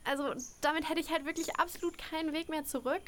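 A woman's voice: high-pitched, fairly even intonation, quick pace, background noise, close to an everyday voice. A woman voicing a torn young woman contestant who hesitates, repeats words and sometimes whispers. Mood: hesitant.

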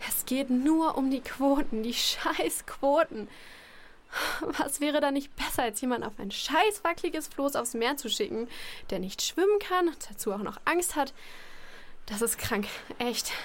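A woman's voice: high voice, animated, unhurried. A woman playing a guilt-ridden young female contestant in an audio drama who stammers and apologizes.

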